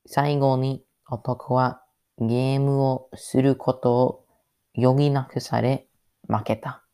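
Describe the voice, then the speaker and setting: Very slow-talking man, halting learner's speech. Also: medium pitch, level tone, dark tone, clear, resonant tone. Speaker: podcast host. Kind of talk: solo podcast monologue.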